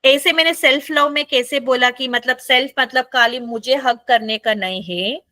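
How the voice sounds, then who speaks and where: A woman with a South Indian accent leading a group lesson, animated and often checking in with "right?" while mixing English into Hindi. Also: high voice, normal speed, no room sound. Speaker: facilitator leading a group session for seniors.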